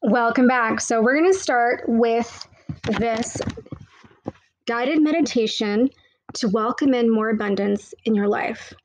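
Slow, creaky-voiced woman guiding meditation. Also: fairly high pitch, poor audio. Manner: slow, repetitive, hypnotic phrasing. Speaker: host and meditation guide. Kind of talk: guided meditation.

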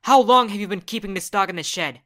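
A woman voicing a furious, strict middle-aged mother who scolds harshly and shouts. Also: medium pitch, fast, voice pushed up, natural voice. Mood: angry.

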